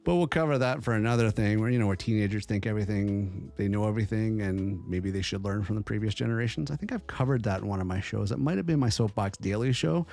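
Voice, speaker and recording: A man's voice: lowish voice, fast talker, vocal fry, few pauses, darkish tone. A middle-aged man hosting a podcast, giving his opinions in an emphatic way and repeating phrases as he builds each point. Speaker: podcast host. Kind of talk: opinion monologue.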